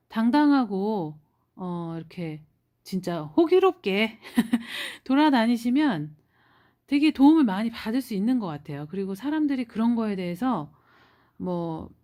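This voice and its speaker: A woman in her forties from South Korea speaks in a mid-pitched voice, telling her story in a relaxed, chatty way. She sounds encouraging and uses plenty of filler words as she goes. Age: 40s. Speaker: immigrant sharing a job-hunt story. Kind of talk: casual storytelling vlog.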